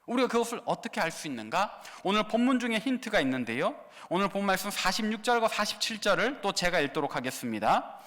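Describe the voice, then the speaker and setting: A man, a pastor, preaching a sermon in a dramatic way with rhetorical questions, swinging from loud to hushed. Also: sits high, sing-song, fast talker. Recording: long reverb of a large hall.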